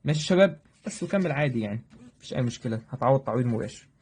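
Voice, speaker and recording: A young man with an Egyptian accent teaching a brisk, joking exam review lesson, talking straight to his students. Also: medium pitch, animated, darkish tone, husky. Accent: Egyptian Arabic. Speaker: math teacher.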